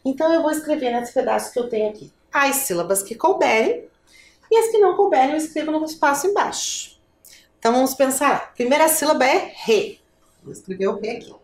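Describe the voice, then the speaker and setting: A woman's voice: high voice, lively intonation, fairly quick, echoey room. A woman teacher with a Brazilian Portuguese accent, giving a patient lesson to children and asking the viewer questions.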